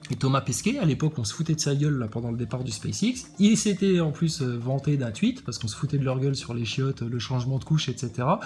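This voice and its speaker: A man's voice: mid-range voice, lively intonation, quick pace, hardly any pauses, a little mellow, faint music behind. A man delivering a sarcastic, theatrical monologue, mocking as he goes, slipping into voices and laughing often. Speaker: vlogger mocking a public figure.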